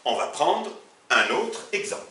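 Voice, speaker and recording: A man's voice: a little high, sing-song, measured pace, sharp tone. A man teaching Arabic in French to a class. He often tells them to look and asks them questions, then answers himself. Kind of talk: classroom lesson explaining grammar. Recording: echoey room, mic far off.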